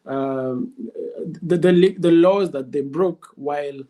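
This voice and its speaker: A man with a Kenyan accent answering interview questions, laying out arguments step by step in a deliberate way. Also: on the high side, mellow. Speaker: interview guest.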